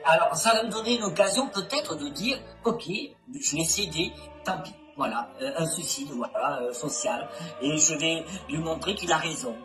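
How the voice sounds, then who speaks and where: A person talking spontaneously in a rambling, halting way. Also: medium pitch, expressive, music in the background. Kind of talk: spontaneous talk.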